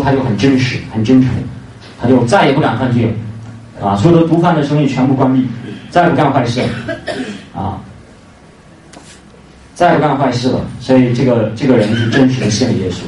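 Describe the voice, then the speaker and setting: This preacher's voice is medium-pitched and a little mellow. Delivering an evangelistic sermon, he hammers his points, repeats key lines, and drops fillers between ideas, while the sound echoes around a church hall, recorded from afar with faint noise beneath.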